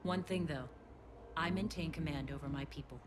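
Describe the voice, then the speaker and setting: A woman's voice: low voice, moderate pace, background noise, natural voice. An actress playing a proud, defiant female militia commander in a video game. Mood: firm, defiant. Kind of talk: video game dialogue acting.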